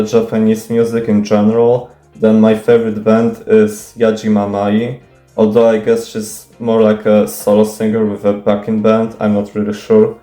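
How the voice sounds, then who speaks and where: With a fairly low, warm voice, a young man who grew up speaking Polish fields viewer questions spontaneously, self-conscious and nervous, stuttering and restarting a lot, filling gaps and swearing casually. Faint music and room echo are present.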